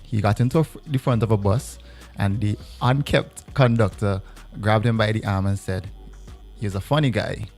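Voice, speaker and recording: A man's voice: lowish voice, fairly even intonation, moderate pace, darkish tone, soft background music. A man co-hosting a live radio show, chatting casually and reading out listener responses. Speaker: radio co-host.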